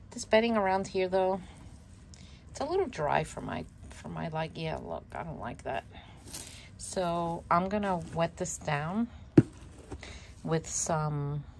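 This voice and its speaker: Low-pitched and creaky with a darkish tone, her voice carries slight background noise. The woman, whose first language is Spanish, hosts a worm composting channel and shows her bin in a casual home vlog, chatty, self-laughing and repeating her words.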